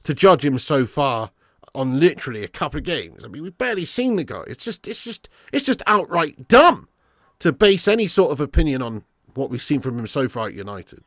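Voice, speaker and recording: A British man hosts a live football watch-along in a fairly high voice that swings widely in pitch. He is animated and blokey, mixing match commentary with sweary, matey chat to viewers. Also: a little fast, no echo, studio quality. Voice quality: raspy, smoker's laugh.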